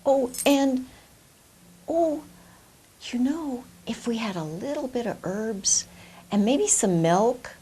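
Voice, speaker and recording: A woman's voice: a little high, lively intonation, warm tone, pitched above the performer's own voice. Woman playing a theatrical, coaxing trickster woman. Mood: coaxing, delighted. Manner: coaxing, drawn-out, teasing. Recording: clear background hiss.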